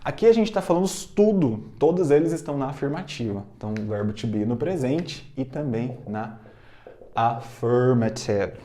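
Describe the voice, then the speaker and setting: A man's voice: medium pitch, animated, fairly quick, few pauses, mellow. A Brazilian man teaching English in a recorded lesson, explaining patiently and having students repeat phrases after him. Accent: Brazilian Portuguese. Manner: clears throat now and then.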